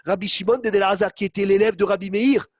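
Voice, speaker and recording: A man giving an online Torah lesson, animated, calling on students by name and acting out the quotes he tells. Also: high-pitched, quick pace, slight background noise. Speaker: rabbi teaching a Torah class.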